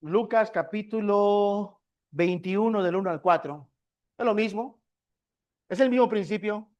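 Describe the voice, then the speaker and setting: Questioning preacher with a high voice. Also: male voice, unhurried, a little mellow, highs cut off. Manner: asks the congregation frequent rhetorical questions. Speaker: pastor teaching a discipleship class. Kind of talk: sermon.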